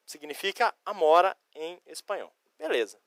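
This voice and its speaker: A man from Curitiba in Brazil teaching Spanish vocabulary in a recorded lesson, explaining each word slowly, spelling out letters and answering imagined student questions. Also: a little high, big pitch swings, a bit bright, no echo, studio quality. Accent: Curitiba Brazilian Portuguese. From Curitiba, Paraná, Brazil.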